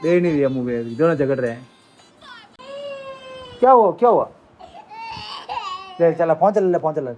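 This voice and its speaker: A woman's voice: deep voice, animated, normal speed, pauses often, darkish tone, muffled recording, soft background music. A woman at home talking to her young children, coaxing and scolding them in repetitive, speech. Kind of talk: casual family home video.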